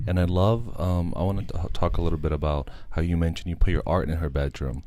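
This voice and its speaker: A man's voice: deep voice, fast, dark tone, no echo. A man hosting a podcast interview, eager and enthusiastic with his guest. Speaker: podcast host. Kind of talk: casual interview.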